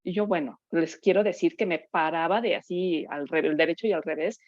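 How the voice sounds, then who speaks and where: A woman with a lowish voice speaks briskly, giving a conversational workshop talk on grief full of fillers and tag questions. There's no echo, and the recording sounds dull and dry.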